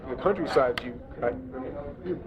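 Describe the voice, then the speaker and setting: Man interviewer chiming in over crowd chatter. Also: mid-range voice. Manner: brief agreeing interjections, halting phrasing. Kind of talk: casual conversational interview. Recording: muffled recording with crowd chatter.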